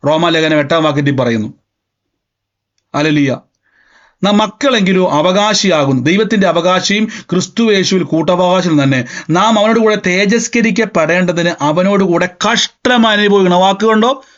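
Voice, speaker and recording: A male pastor delivers a sermon, reading scripture and asking the congregation one rhetorical question after another. His voice sits high for a man. The recording is dull and lo-fi. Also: moderate pace. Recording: dull lo-fi sound.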